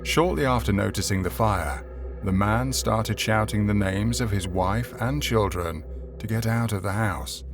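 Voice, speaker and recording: A man's voice: fairly low pitch, unhurried. A man reading scripted narration for a compilation of video clips. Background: background music.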